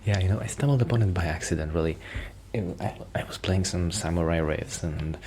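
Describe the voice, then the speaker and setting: An ASMR roleplay performer playing a musician friend talks in an extremely low, gravelly voice, soft-spoken and sometimes sinking toward a whisper. Though brisk, he rambles shyly, apologetically and hesitantly, like a friend chatting casually. Clear noise is audible in the recording.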